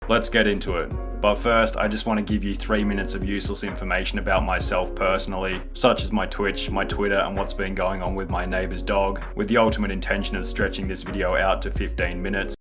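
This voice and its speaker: A deep-voiced Australian man delivers a flat, deadpan voice-over in the style of a commentary channel. His tone stays monotone and unexcited throughout, with music playing clearly underneath. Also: a little fast, hardly any pauses. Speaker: commentary YouTuber. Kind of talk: parody commentary narration. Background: background music.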